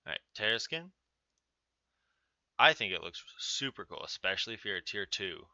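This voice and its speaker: A man's voice: lowish voice, sing-song, normal speed, pushed and bright, dry recording. A man giving informal, offhand commentary on game patch notes as a video host. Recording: dull, narrow-band sound.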